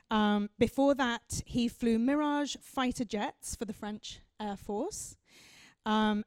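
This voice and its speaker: A woman's voice: mid-range voice, a little mellow, no echo. A woman hosting a live on-stage interview, introducing her guest with effusive enthusiasm. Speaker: host and interviewer.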